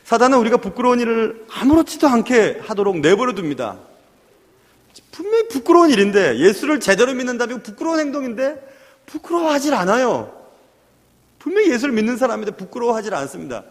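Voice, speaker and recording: A male pastor preaching a sermon in an animated way, acting out the voices he quotes. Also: extremely high pitch, fast. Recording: long hall reverb.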